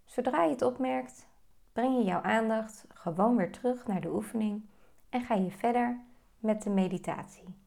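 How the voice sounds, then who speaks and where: A woman guiding a meditation, giving slow, calm, soft-spoken instructions. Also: fairly high pitch, vocal fry. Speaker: meditation guide. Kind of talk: guided meditation.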